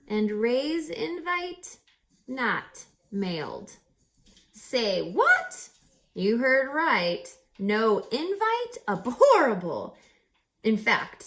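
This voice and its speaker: A woman with a medium-pitched, slightly bright voice reads a children's story in a teacher's role. Dramatic and emphatic, she poses rhetorical questions to her listeners and adds teacherly asides.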